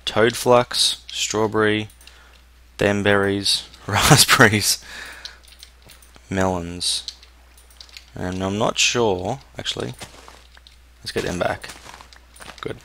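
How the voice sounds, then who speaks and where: Low gravelly man muttering gameplay. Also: pushed and bright. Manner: muttering running commentary, thinking aloud. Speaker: gameplay commentator. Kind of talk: casual let's-play commentary.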